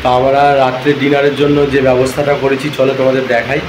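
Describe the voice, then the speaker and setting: Male travel vlogger, weary and chatty, recorded in a roomy space with steady background noise. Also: medium pitch, fast talker. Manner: chatty, talks straight to viewers. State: tired. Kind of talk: casual travel vlog talk. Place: hotel and beach town, indoors and out.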